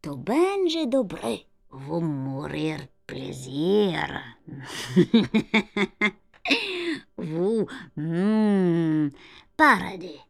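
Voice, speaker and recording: A woman voicing a sinister housekeeper who speaks slow, broken French, in a storybook reading. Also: on the low side, sing-song, vocal fry, dry recording, heavily acted. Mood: gloating, sly. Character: sinister foreign housekeeper woman, suspected witch.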